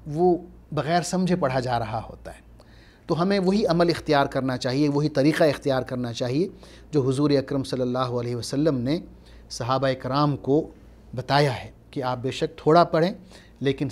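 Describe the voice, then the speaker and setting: A man with a Pakistani Urdu accent giving a measured religious lecture, stressing his points and reciting Arabic verses. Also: on the high side, a little mellow. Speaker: Islamic scholar.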